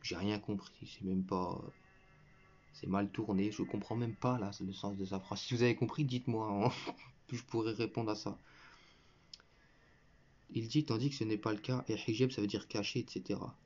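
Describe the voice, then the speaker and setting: This online religious commentator, a man with a fairly low, darkish voice, scolds and mocks an opponent in turn during a heated religious rant, a combative reaction monologue for his viewers. His delivery is steady and normally paced with long pauses, lecturing and scornful, addressing the listener as "tu" amid bursts of derisive laughter. The recording is muffled, dull and lo-fi.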